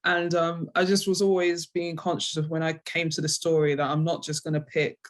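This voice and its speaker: A comic book writer from London, speaking with a London accent, answers interview questions as a guest, hesitant and reflective and often rewording what she says. Her voice sits low with a flat delivery and a slightly fast pace.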